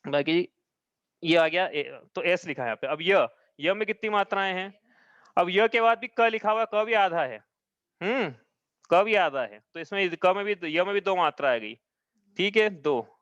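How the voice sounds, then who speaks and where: High-voiced man teaching patiently. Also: fairly bright tone, no room sound, lo-fi sound. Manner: patient, repetitive, checks understanding often; chants verses slowly. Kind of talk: live class explanation. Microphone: own mic, audio only.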